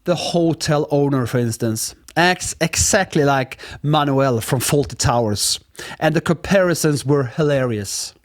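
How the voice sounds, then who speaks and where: A man's voice: fairly high pitch, a little slow. A man giving a playful, self-mocking film review who often trips over his words. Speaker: movie reviewer. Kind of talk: scripted film review with jokes.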